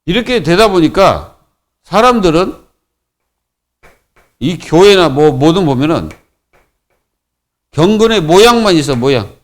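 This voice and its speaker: A man's voice: fairly high pitch, big pitch swings, measured pace, long pauses. A man preaching a Friday sermon as pastor, in a colloquial, repetitive way with many fillers. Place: church.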